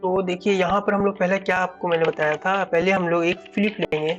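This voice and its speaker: A man's voice: sits high, flat delivery, fairly quick, a bit bright, faint music behind. Man explaining code step by step, muffled audio. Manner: thinks aloud, often repeats "ठीक है" and restarts phrases. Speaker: coding tutor.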